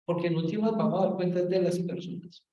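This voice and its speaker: Teaching pastor, male, fairly high voice, earnest storyteller, heard from across a very reverberant room. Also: steady tone, quick pace, dark tone, dull audio. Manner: earnest storytelling, acting out dialogue. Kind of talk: personal testimony in a teaching talk. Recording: very echoey room, mic far off.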